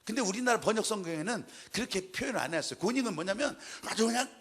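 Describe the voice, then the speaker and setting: A male pastor preaching with animated drama, acting out the scenes he tells. His voice sits high and bright, leaps across a wide pitch range, and has a husky grain. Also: very fast. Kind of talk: sermon.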